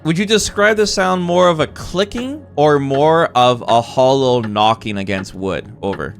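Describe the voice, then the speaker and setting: A man's voice: mid-range voice, lively intonation, measured pace, vocal fry, faint music behind. A man streaming a co-op puzzle game, thinking aloud and laughing often as he talks to his partner. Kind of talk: casual co-op game chat.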